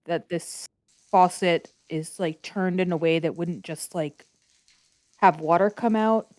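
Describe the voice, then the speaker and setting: Lower-pitched woman playing a tabletop game. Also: slow pace, a little mellow, dry recording. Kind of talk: casual in-character game chat.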